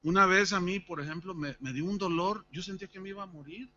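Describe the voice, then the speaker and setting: A man's voice: high-pitched, fast talker, muffled recording, slight background noise. A man preaching at a church service, telling a personal story and acting out its dialogue. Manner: animated, acts out the dialogue of his story. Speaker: pastor.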